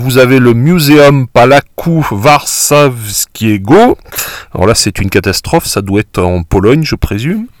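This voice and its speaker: A man's voice: a little high, a little mellow, dry recording. A man casually narrating a board game unboxing, hesitant and self-correcting, full of fillers and admiring remarks.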